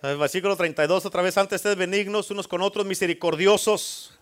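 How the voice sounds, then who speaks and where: High-voiced preaching man. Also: fairly even intonation, fairly quick. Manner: call-and-response preaching, asks congregation for amens. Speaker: pastor. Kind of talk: sermon.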